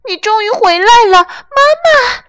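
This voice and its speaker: A woman's voice: animated, measured pace. A woman voicing a small, whiny boy lamb who wails and complains, in a storybook reading. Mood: overjoyed. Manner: shrill, wailing, complaining.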